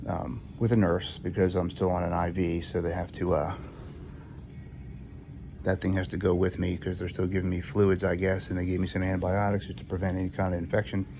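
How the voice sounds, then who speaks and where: A man with a low, gravelly voice talks casually to a video diary as a patient, halting and matter-of-fact as he searches for words, in a hospital room. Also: little pitch movement. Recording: noisy room ambience behind voice.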